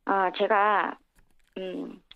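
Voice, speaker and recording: An anonymous woman speaks in a radio interview over a narrow, tinny phone connection. Her voice is electronically disguised and has a gravelly creak, with very little room sound. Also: medium pitch, flat delivery, extremely slow, no echo. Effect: voice disguised by processing for anonymity.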